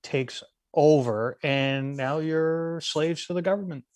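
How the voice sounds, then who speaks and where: A man's voice: a little high, slow, darkish tone, dry recording. A man co-hosting a casual morning show, brash and emphatic in his opinionated banter.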